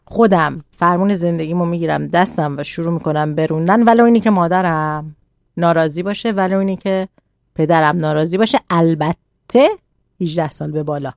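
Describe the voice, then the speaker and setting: Woman guest on a radio talk show, lowish voice, calm n measured, dry studio sound. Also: no echo.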